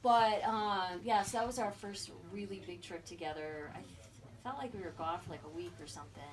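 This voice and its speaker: A middle-aged woman sharing a personal story at a memorial, animated and acting out the voices of others. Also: mid-range voice, fairly quick. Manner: animated, acts out quoted voices, laughs often. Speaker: memorial speaker. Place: memorial gathering. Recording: distant mic with crowd around.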